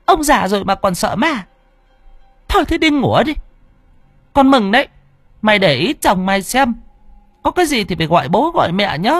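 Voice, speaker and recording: A man voicing a sharp-tongued old village woman, scolding and wailing in a storybook reading. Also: very animated, moderate pace, long pauses, dry recording, full character voice. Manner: scolding, shrill.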